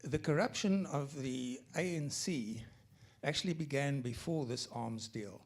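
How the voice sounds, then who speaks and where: Raspy, gravelly man asking a question. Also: mid-range voice, a little slow. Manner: hesitant, impassioned, many fillers and throat clearing. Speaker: audience questioner. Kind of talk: audience question at a panel.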